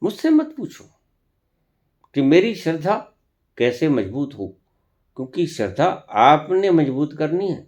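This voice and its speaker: A man giving a spiritual discourse as a teacher, speaking deliberately with long pauses and sometimes scolding his listeners with rhetorical questions. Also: fairly high pitch, sing-song, a little mellow, muffled recording.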